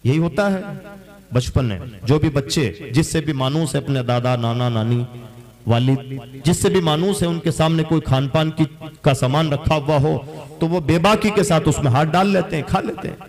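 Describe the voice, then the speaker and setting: An earnest man preaching. His voice sits a little high for a man. He asks his listeners questions and then answers them in his own sermon. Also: moderate pace, a little mellow. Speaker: Islamic preacher.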